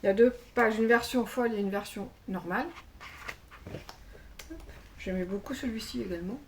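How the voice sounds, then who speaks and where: A woman chats through a crafting haul, pausing often with little fillers as she hunts for words. Her mid-pitched voice sits a bit back from the mic, with a faint hiss in the background. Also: recorded from a distance. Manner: chatty, hesitant, many fillers. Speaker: crafting YouTuber. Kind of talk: casual show-and-tell haul.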